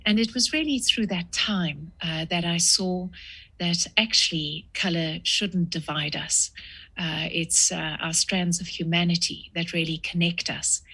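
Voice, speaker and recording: Husky-voiced woman in her sixties. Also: fairly low pitch, pushed and bright. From South Africa. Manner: measured, frequent "uh" pauses. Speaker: guest author. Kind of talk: podcast interview.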